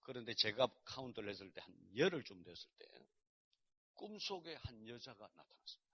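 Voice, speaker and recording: A man's voice: medium pitch, big pitch swings, a little fast, husky. Emotional male pastor giving testimony. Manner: emotional storyteller, swinging from loud outbursts to hushed asides. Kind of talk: personal testimony sermon. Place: church lecture hall. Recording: dull lo-fi recording.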